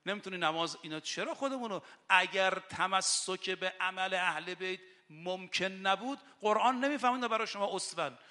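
High, bright-voiced preaching cleric in a hall. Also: male voice. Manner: swells from soft explaining to loud impassioned preaching. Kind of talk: religious sermon.

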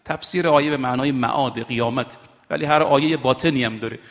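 A man preaching a sermon, swinging from hushed storytelling to raised, emphatic exhortation and chanting scripture quotations slowly. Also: mid-range voice. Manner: chants Arabic quotations in a slow, drawn-out voice. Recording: long reverb of a large hall.

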